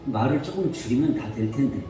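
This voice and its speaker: A man voicing a patient, resigned middle-aged husband who speaks low and subdued, recorded from afar in an echoey hall. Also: expressive, fast talker, lightly acted. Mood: pleading. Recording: echoey church hall from far off, faint music.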